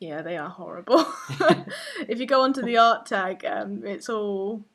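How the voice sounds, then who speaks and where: A mid-range, slightly bright, expressive voice belongs to a woman hosting a live painting stream at a measured pace. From a Finnish family, she chats casually as she paints, laughs a lot, and sometimes drifts off her point.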